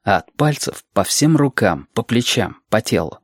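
A calm audiobook narrator whose voice moves with lively rises and falls. The sound is close and dry, with nothing behind it. Middle pitch, steady storytelling. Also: normal speed, no echo.

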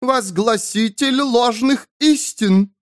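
A fanatical nun shrieks her accusations high and slow, stretching each word, as a male narrator puts her on. The voice is far above his own and the recording is dry and close. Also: dry recording. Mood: accusing. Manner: shrill, drawn-out denunciations. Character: fanatical grey-robed nun, shrill accuser.

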